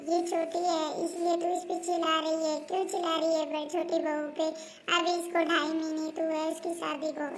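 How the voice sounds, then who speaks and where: A woman's voice: very high-pitched, rough recording. A woman voicing a bossy middle-aged mother-in-law who runs the house, talking in a scolding, commanding way in a comedic family skit.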